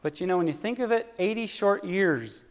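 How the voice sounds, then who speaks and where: An earnest man in his thirties delivers a sermon in a notably high voice, stumbling and repeating words as he works through his thoughts. His words ring out with a long reverb, as if filling a church hall. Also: lively intonation. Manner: earnest, halting, repeats words while searching for them. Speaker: preacher.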